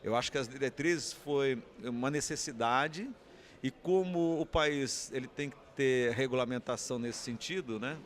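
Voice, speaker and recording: Being interviewed, a man who is a communications academic explains his answer off the cuff in a Brazilian Portuguese accent, often using rhetorical questions. He has a mid-range voice and a moderate pace.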